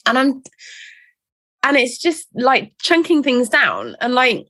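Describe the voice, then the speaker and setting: A woman in her forties from England, a guest in an interview, talking in a chatty, animated way with self-mocking asides. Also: high-pitched, slow pace. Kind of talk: casual interview chat.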